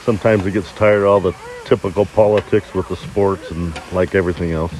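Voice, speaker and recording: A plainspoken man in his fifties answers questions in a very deep, low voice. He keeps his replies short and down to earth. Faint sizzling and outdoor noise sit in the background. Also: steady tone, fairly quick, darkish tone, rough recording. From Arizona. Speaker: interview guest. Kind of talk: casual interview. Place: campground outdoors.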